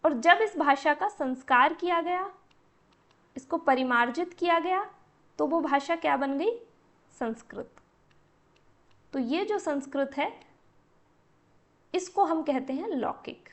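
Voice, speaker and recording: High-voiced woman teaching a lecture. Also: animated, slow, long pauses. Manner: explains step by step, asks and answers own questions. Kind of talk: exam-prep lecture.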